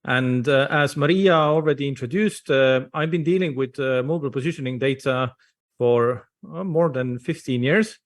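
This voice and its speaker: Man, English, halting conference talk over a video call, mid-pitched. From Estonia. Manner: hesitant, frequent "uh" fillers. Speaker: invited speaker. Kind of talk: conference presentation.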